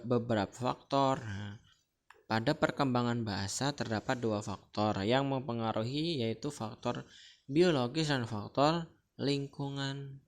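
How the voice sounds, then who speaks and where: A man from Central Kalimantan, Indonesia, teaching a lesson in a casual, chatty way and often checking in with the listener. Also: mid-range voice. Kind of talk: casual explanatory lecture.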